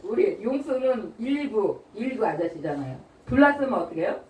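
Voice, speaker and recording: A woman pastor giving a conversational sermon. She often turns to the congregation with a quick question, and she acts out pleading quotes in a raised voice. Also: on the high side, big pitch swings, darkish tone. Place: church hall. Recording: roomy church from a distant mic with faint hiss.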